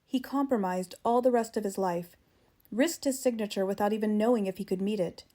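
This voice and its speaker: A woman narrates an audiobook in a standard American accent. Her voice is soft-edged and mellow, at a middling pitch. She reads scripted literary prose in a measured, expressive storytelling way.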